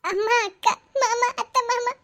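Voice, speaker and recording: A tearful young bride from a cartoon story, done by a single voice actor. Her voice sits extremely high and thin, and she pleads and apologises as she reads out her letter. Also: fairly even intonation, unhurried, a bit bright, no echo. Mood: pleading. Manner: reading her farewell letter aloud, pleading.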